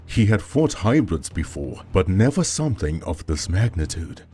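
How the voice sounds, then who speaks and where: A man narrating a scripted horror story as storyteller, with dramatic, expressive delivery. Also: low-pitched, normal speed.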